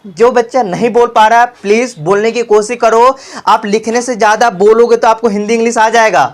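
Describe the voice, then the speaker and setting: This young adult tuition teacher has a very high voice with fairly even intonation and a fairly quick delivery. In a classroom full of children, he calls his pupils beta and runs them through repeated call-and-response questions, captured in a noisy recording with clicks.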